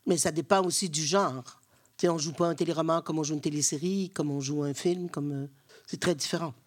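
A woman's voice: low-pitched, steady tone, fairly quick. A woman with a Québécois accent, an acting coach, answering interview questions on stage in a blunt, frank way. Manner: blunt, frank, acts out quoted exchanges. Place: theatre stage with live audience.

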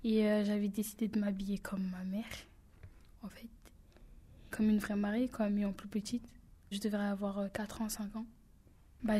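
A teenage girl speaking softly and hesitantly. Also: mid-range voice. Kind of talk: spoken testimony.

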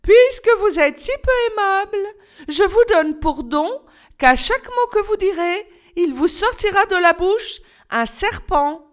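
A woman voicing an ancient, vain fairy with a shrill, haughty manner in a storybook reading. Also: expressive, measured pace. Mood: piqued.

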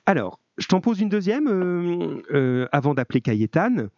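A man's voice: sits high, very animated, a little slow, a little mellow, dry recording, lo-fi sound. A male French teacher running a live call-in lesson with his students, speaking in a friendly, informal and encouraging way. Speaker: middle-school French teacher.

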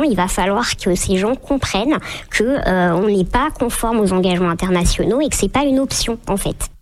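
A woman activist explaining her position off the cuff, insistent, pausing often as she goes. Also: medium pitch. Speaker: activist and lawyer. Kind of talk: spontaneous spoken explanation.

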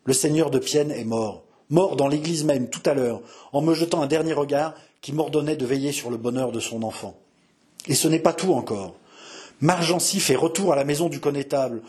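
A man's voice: fairly high pitch, normal speed, darkish tone, close to an everyday voice. A feverish young nobleman pleads with his brother in a raised, urgent voice, as a male narrator puts him on. His voice sits a little above the reader's own. He presses each demand with mounting intensity. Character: young nobleman, eldest son, feverish and passionate. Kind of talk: audiobook reading.

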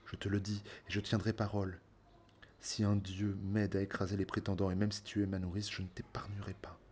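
Man as a slow solemn disguised king. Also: on the low side, monotone, darkish tone, slightly rough. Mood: stern. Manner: slow, solemn, formal speech.

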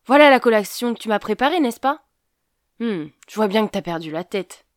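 A woman voicing an irritable old grandfather who has been made young again, exclaiming loudly. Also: animated, normal speed, dry recording, clean studio sound, lightly acted. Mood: irritated. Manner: loud, exclaiming, high-pitched.

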